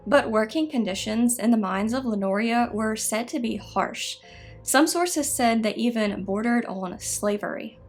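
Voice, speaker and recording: A woman narrating scripted spooky history stories in a measured, explanatory way. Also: a little high. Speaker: narrator of a haunted history show.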